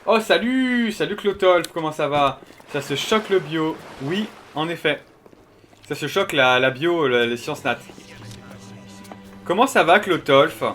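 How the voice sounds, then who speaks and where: A young man casually talking to his chat while he plays a game. He is excitable, chatty and full of fillers, and he swears often. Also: on the high side, measured pace, soft background music. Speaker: streamer. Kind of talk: casual gameplay commentary to chat.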